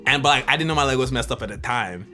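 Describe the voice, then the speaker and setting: A young man co-hosting a podcast, telling animated stories in a loose, casual chat full of "like" and "literally". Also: mid-range voice, racing, faint music behind. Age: young adult. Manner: animated storytelling, frequent "like" and "literally". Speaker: podcast co-host.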